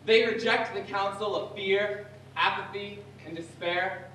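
A man's voice: high-pitched, fairly even intonation, unhurried, bright, forceful tone, slight background noise. A man giving a solemn theatrical speech on a stage. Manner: solemn, declaiming. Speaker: stage performer. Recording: echoey theater from far off, music behind.

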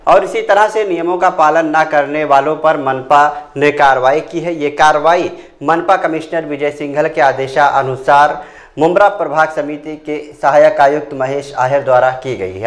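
Male local news reporter, voice-over, steady read, middle pitch.

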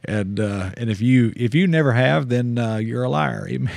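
A man's voice: mid-range voice, normal speed, gravelly, darkish tone, no echo. A man in his thirties with a Southern American accent, preaching casually on a livestream, folksy and self-deprecating, often laughing at himself. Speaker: missionary preacher. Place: small studio with purple-lit shelves. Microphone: studio desk mic.

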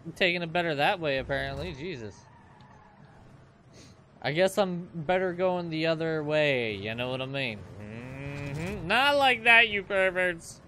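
A man's voice: on the high side, unhurried, fairly bright tone, a little hiss or hum. A man in his twenties rambling and joking with viewers as he comments on his own gameplay. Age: 20s. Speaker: let's play host.

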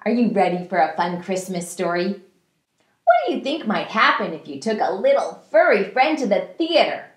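A middle-aged woman reading aloud to young children in an expressive storytime voice, as a children's host. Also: mid-range voice, moderate pace, breathy edge, no room sound, studio quality.

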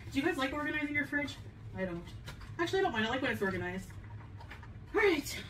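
Unpacking groceries in her kitchen at home, a woman vlogger talks in a chatty, rambling way, with light laughs, for a grocery haul video. Her voice is high-pitched and very animated, a little fast, with a fairly bright tone. It's recorded on a distant camera mic set on the counter, with faint room hum, and played back.

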